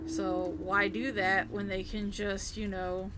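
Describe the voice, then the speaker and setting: A woman's voice: medium pitch, level tone, takes it slowly, background noise. A woman in casual gaming chat, talking in a wry, sweary way. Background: game music.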